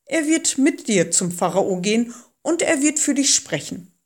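Storybook: God from the fire, solemn, commanding, slow, read by a woman. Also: on the high side, very animated, darkish tone, pitched above the performer's own voice. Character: God speaking from a burning bush, calm and commanding.

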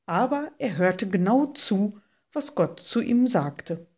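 Woman narrator for a children's Bible story, unhurried, very melodic. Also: mid-range voice, breathy edge. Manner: gentle, expressive storytelling.

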